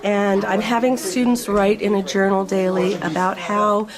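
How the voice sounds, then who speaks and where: Woman teacher amid loud classroom chatter. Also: medium pitch. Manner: steady, measured, a few fillers. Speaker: teacher of deaf students. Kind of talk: explaining a program to camera. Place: busy school classroom. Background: loud chatter of students.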